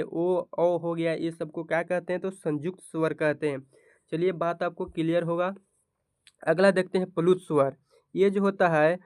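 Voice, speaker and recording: Male teacher, slightly high, smooth voice, asks and answers his own questions, close dry mic. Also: dry recording. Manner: repeats each question and answers it himself. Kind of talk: grammar lesson for board exam students.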